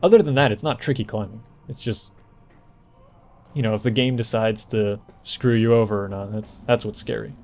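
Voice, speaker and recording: This gameplay walkthrough host speaks at a normal speed in a darkish voice on the low side. His commentary is casual and conversational, explaining things while he plays against video game ambience.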